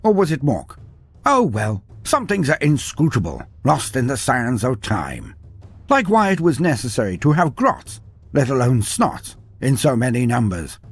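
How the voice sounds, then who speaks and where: With faint music behind him, a man narrates scripted fantasy war lore as a storyteller, grandiose and wry, in ornate old-fashioned phrasing. His medium-pitched voice is husky and swoops wildly in pitch, and he speaks a little slowly.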